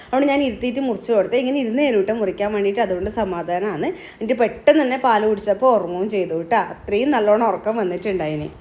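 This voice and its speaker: A woman's voice: mid-range voice, expressive, very fast, darkish tone. A young woman, chatting casually through a home vlog and explaining her cooking and her day as she goes. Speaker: family vlogger and mother. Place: home, indoors.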